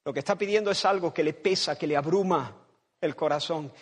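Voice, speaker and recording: A man's voice: on the high side, brisk, slightly rough. A man from preaching a sermon, dramatic and emphatic, repeating phrases and acting out voices from the story.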